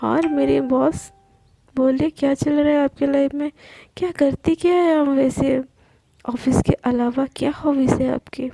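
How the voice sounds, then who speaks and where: A playful young woman teases and pleads in a spoken love story, as a woman puts her on. The voice sits high and mellow, with a gravelly edge of fry. The recording is dry and close. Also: steady tone, a little slow, no room sound. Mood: teasing. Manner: teasing, coaxing.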